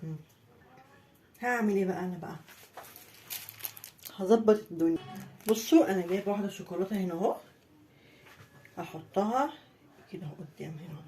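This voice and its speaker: Egyptian lady talking thru her cake decorating at home, average pitch, bit of noise in the background. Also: a little fast, pauses often, warm tone. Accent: Egyptian Arabic. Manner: chatty, talks viewers through each step. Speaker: home baking vlogger. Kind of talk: casual cake-decorating tutorial.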